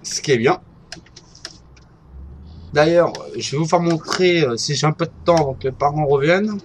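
A man giving casual, halting commentary while driving in a game, often stopping to correct himself. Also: fairly high pitch, a little hiss or hum. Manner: hesitant, halting, often restarts and apologizes. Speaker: gameplay video maker.

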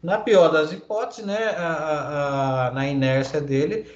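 This unhurried speaker has a slightly high voice with fairly even intonation. He's a Brazilian-Portuguese-accented law professor teaching online, reading out legal articles and explaining them with frequent fillers and tag questions, and the recording sounds echoey, dull, and lo-fi like a call.

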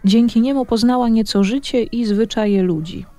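A man narrating a children's audiobook of a seaside legend in a steady storytelling manner. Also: very high voice, normal speed, no echo.

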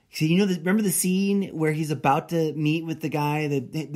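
A man who grew up speaking Spanish in Mexico hosts a solo late-night podcast, thinking out loud. His voice is on the high side, and he rambles and interrupts himself with many fillers and restarts.

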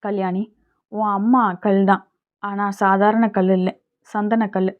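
A woman reading as a gentle young man, tinny. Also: mid-range voice, level tone, slow, natural voice. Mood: tender. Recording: tinny phone-like sound.

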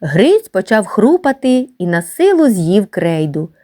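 A woman reads a classic short story aloud as narrator. Her pitch sits in the middle for a woman but moves expressively. The telling is steady and vivid. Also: unhurried.

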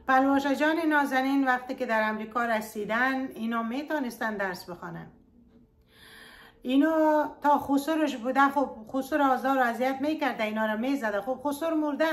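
A woman with an Afghan Dari accent, telling a story to her online viewers and pleading with them to look after themselves. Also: fairly high pitch. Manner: pleading, addresses listeners fondly. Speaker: YouTube storyteller giving advice. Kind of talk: earnest advice monologue to viewers.

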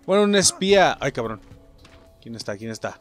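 A young adult man with a Mexican accent, giving loud, excitable gameplay commentary full of swearing, shouting and then muttering low. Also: normal speed, faint music behind.

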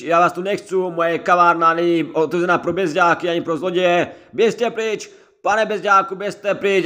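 A man's voice: high-pitched, fairly bright tone. A man with a head cold giving chatty, repetitive commentary on his gameplay and constantly addressing his viewers. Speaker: gaming let's-play creator.

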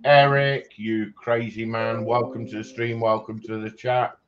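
With a crowd in the background, a livestream host in a mid-range voice reads out viewer comments at a measured pace and level tone. He's chatty and jokey with chat and laughs a lot; the audio is slightly dull with faint background noise.

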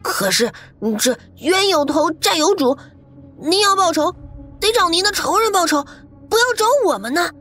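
A man voicing a bold young village boy in a horror audiobook, in a squeaky falsetto with an urgent, quick delivery. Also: lively intonation, pushed and bright, exaggerated voice. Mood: pleading.

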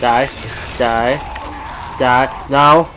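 A man giving casual let's-play commentary on a shooter game, excitable and self-mocking, talking to the game and repeating words in bursts. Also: mid-range voice, very slow, background noise. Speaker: gamer playing a shooter game.

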